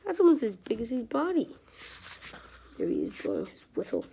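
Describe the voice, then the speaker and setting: Speaking a little fast at a fairly high pitch that swoops wildly, an amateur woman reader stumbles casually through a children's book with informal, chatty asides. It was recorded at home, clearly noisy and with clicks.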